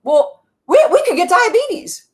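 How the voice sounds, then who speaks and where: A woman's voice: extremely high pitch, very animated, measured pace, voice pushed up, heavily acted. A woman voicing an anxious, scolding inner manager part that insists and pushes back hard. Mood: worried.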